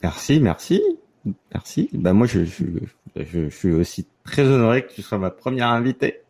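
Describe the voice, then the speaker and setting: A man, hosting a casual podcast chat and talking in a relaxed way with many fillers and restarts. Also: mid-range voice, moderate pace, slightly rough, no echo. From France, near Marseille. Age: 30s. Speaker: podcast host.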